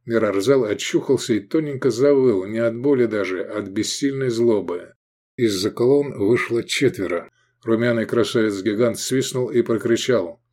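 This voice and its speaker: A man narrating an adventure audiobook in an expressive reading voice. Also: medium pitch. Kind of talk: scripted narration.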